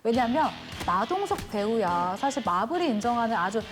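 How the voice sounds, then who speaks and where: A woman co-hosting a film talk show, chatting about movies in a lively, playful way. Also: a little high, fairly quick, faint music behind. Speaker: co-host, film reporter.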